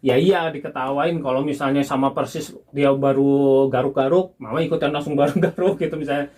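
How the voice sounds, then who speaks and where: A young man talks his wife through an idea in relaxed, everyday speech. He is patient, works through examples and chuckles as he goes. His voice sits at a middle pitch. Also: fairly quick. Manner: patient, explaining with examples and laughs. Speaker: husband teaching his wife. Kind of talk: casual instructional chat.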